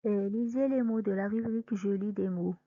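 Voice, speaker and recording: A woman teaching young children to read, sounding out letters and syllables slowly and deliberately. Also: medium pitch, no room sound, phone-quality sound. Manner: spells letters then syllables, clear and deliberate. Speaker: reading teacher. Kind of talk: slow reading lesson for young children.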